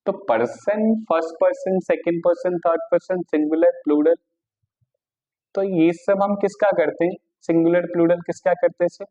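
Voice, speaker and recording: A man with an Indian accent teaching an English grammar lesson at a board, mixing Hindi and English, dictating example sentences slowly and bantering with imagined students' questions. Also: high-pitched, steady tone, warm tone, dull audio. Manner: mixes Hindi and English, repeats "theek hai sir", dictates sentences slowly.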